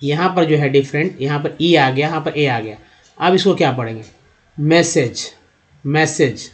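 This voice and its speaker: A man with a fairly high-pitched voice, talking a little fast, teaches at a board how to read English words. He greets his viewers as friends and patiently poses and answers his own questions about every vowel sound.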